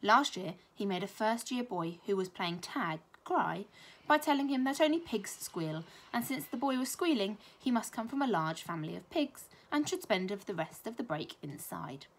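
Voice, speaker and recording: A British primary school teacher reads a children's story aloud, narrating expressively in a mid-range voice at a moderate pace.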